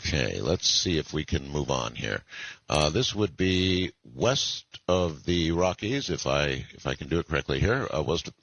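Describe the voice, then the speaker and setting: A man in his sixties hosting a late-night call-in radio show, talking in a relaxed, rambling way with many pauses. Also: very deep voice, no echo. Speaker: radio talk show host. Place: broadcasting from the Philippines. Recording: dull lo-fi radio broadcast sound.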